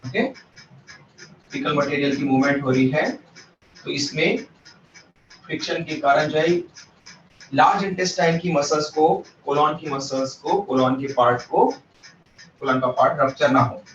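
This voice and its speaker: A man's voice: fairly high pitch, a little slow, pauses often, fairly bright tone, echoey room, slight background noise. Man, teacher, classroom lecture, questions to students, English terms mixed into Hindi, distant muffled mic. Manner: explains step by step and asks the class questions.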